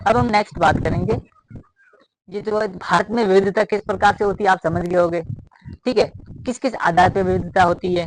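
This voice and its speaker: A man's voice: high-pitched, a little hiss or hum, rough recording. A man from Rajasthan, teaching a casual classroom lecture at a blackboard and repeating his points with many fillers. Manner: repetitive, explains with many fillers. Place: room with a blackboard.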